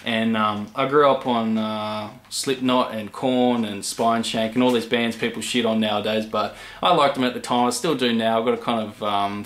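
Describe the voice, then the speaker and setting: A man in his twenties with an Australian accent, chatting casually to camera as a channel host, rambling with many pauses. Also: medium pitch, a bit bright. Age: 20s. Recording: echoey room.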